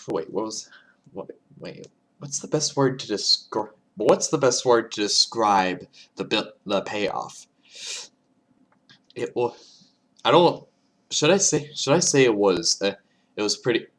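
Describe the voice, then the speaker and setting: A man giving casual reaction commentary, halting and often repeating and restarting his phrases. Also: on the low side, a bit bright. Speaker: reaction video host.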